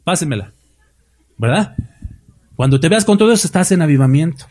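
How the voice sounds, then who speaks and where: Husky-voiced Mexican preacher. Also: male voice, on the high side, expressive, a little fast, a little mellow. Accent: Mexican Spanish. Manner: emphatic preaching with rhetorical questions and acted-out quotes. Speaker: pastor. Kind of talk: sermon.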